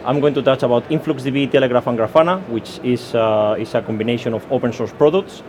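At a brisk pace and medium pitch, a Spanish-accented man from Spain presents a technical talk in a conference session room; his tone is darkish and there's a little hiss or hum. He uses many fillers and keeps restarting sentences.

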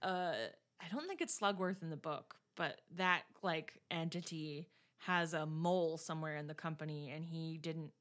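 A woman co-hosting a casual podcast, playful and quick to laugh. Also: sits low, a bit bright. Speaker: podcast co-host. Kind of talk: casual chat.

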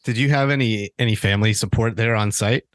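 A man interviewing an athlete on a college sports podcast, his questions long and winding. His voice sits low, and the recording is close with no room sound. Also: fast talker, no echo.

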